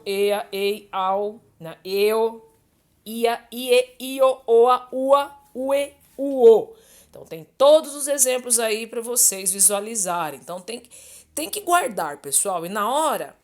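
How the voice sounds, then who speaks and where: Brazilian woman teaching a grammar lesson. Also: medium pitch. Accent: Brazilian Portuguese. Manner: didactic, many fillers like "né" and "ó".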